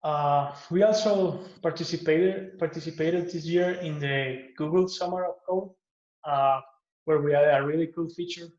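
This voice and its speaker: A man from Guatemala with a slightly high voice gives a conference pitch, leaning on "uh" and "um" as he goes and often restarting his sentences. The recording sounds echoey and somewhat muffled, like a lo-fi room take. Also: normal speed. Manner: relaxed, with frequent "uh" and "um" fillers and self-repairs. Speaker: open source maintainer giving a project pitch.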